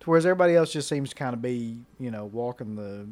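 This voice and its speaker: A man's voice: mid-range voice, expressive, fast talker, a little mellow. A man co-hosting a podcast, in laid-back, profane casual chat about horror films. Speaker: podcast co-host.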